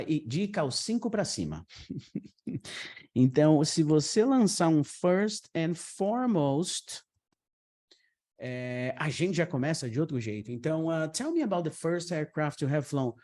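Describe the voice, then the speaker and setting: A man whose first language is Portuguese, teaching an online aviation English lesson in a lively manner and repeating words for drill. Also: on the high side.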